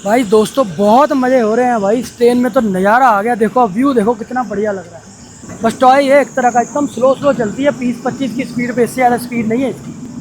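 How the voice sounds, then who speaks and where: A man vlogging a mountain toy train ride, talking casually and excitedly to his viewers. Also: extremely high pitch, noisy background. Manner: chatty, excited, addresses viewers as brothers. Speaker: travel vlogger. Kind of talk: casual travel vlog narration. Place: aboard a mountain toy train and on station platforms.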